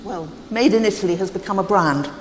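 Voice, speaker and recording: A poised, articulate woman moderates a conference panel at a middle pitch. Her voice rings with the long reverb of a large hall. Faint ambience sits behind her. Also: brisk, slight background noise.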